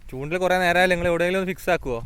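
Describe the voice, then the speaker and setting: A man's voice: high voice, racing, fairly bright tone. A man, chatting casually and teasing his friends while filming a fishing trip outdoors by the ponds.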